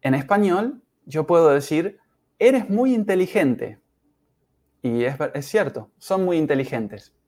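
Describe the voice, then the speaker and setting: A man's voice: a little high, animated, a little slow, darkish tone. A man teaching English on a podcast, patiently repeating each word for learners. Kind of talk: podcast language lesson.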